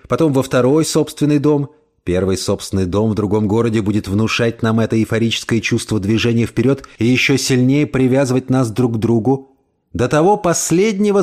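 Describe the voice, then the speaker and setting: A man reading a first-person novel aloud as audiobook narration, calm and measured. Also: mid-range voice. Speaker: audiobook reader. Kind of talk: scripted narration.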